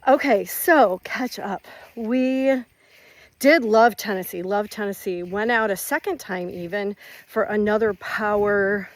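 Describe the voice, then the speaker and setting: A retired schoolteacher in her fifties strolls around her rural property and vlogs into a handheld camera. She talks slowly and loosely, rambling and drawing out her words. Her speech stays easygoing and chatty. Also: medium pitch, no echo. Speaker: retired teacher vlogger. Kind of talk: casual catch-up vlog.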